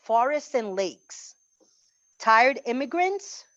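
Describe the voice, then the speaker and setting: A woman leading an orientation, reading a collective list poem aloud in a measured way, pausing between items. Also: fairly high pitch, big pitch swings, a bit bright. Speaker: orientation organizer. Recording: dull lo-fi call audio.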